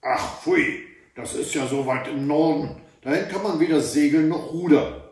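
A man voicing a loud gruff man-eating troll. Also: a little high, expressive, normal speed, close to an everyday voice. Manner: barking, sniffing, menacing. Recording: very echoey room, voice from far off.

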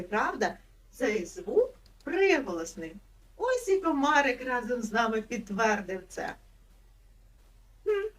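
A woman teacher speaks to small children in a high, very lively voice, stretching each word out slowly and clearly. She praises them gently and keeps encouraging them. Her voice comes from a little distance from the microphone. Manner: slow, drawn-out word sounding for small children. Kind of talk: online lesson for young children.

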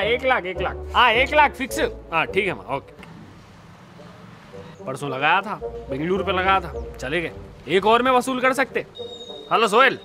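A man with a Hyderabadi accent acting in a comedy sketch, talking in a boastful and bossy way. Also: high voice. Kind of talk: comic sketch in Hyderabadi Hindi.

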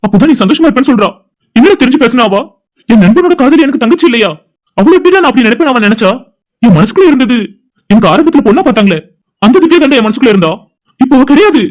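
Actor voicing a heartbroken young man, cartoon, rapid pleading delivery. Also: sits high, expressive. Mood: distressed. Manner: pleading, emotional storytelling. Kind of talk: cartoon voice acting.

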